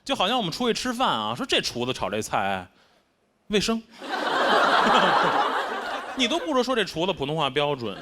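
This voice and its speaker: A man with a Beijing accent performs a stand-up comedy set on stage before a live audience, wry and self-mocking. His voice is high with big pitch swings, a moderate pace, and long pauses, and constant background noise runs through the recording.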